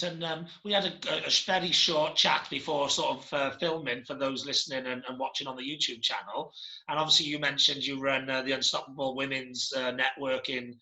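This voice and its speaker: Man, middle-aged, podcast host, rambling and chatty, bright forceful voice, roomy echo. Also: mid-range voice. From Wales. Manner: chatty, rambling with many restarts. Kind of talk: casual interview chat. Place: home office. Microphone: video call.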